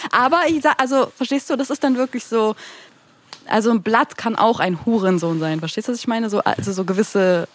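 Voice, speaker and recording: A young woman hosting a casual chat with a friend, lively and teasing, often laughing. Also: on the high side, a little fast. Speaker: YouTuber host.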